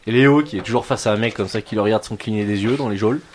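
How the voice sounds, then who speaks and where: A man's voice: fairly low pitch, rapid-fire, crowd noise. A man narrating as game master of a tabletop role-playing game, in a casual, joking way.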